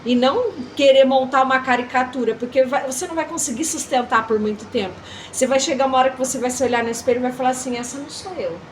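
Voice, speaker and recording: A woman's voice: high-pitched, steady tone, fast, few pauses, a little hiss or hum, low-quality recording. A Brazilian woman talking earnestly as a mentor, teaching about faith and womanhood. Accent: Brazilian Portuguese. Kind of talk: casual faith-based chat.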